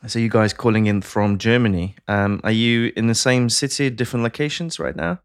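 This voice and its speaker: A man's voice: mid-range voice, fairly even intonation, brisk, clear, resonant tone, dry recording, clean studio sound. A man hosting a podcast interview, asking polite, short questions. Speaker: podcast host.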